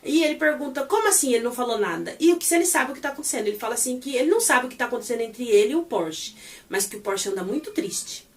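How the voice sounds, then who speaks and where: A woman recapping a TV episode in a casual, animated way, acting out the characters' lines as she goes. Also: high voice, very fast, distant mic. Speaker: series reviewer.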